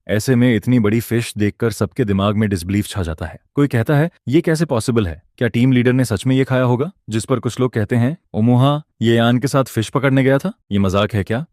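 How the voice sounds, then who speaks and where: A man narrating a story recap, in a steady storytelling manner, mixing English words into his speech. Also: lowish voice, dry recording, clean studio sound.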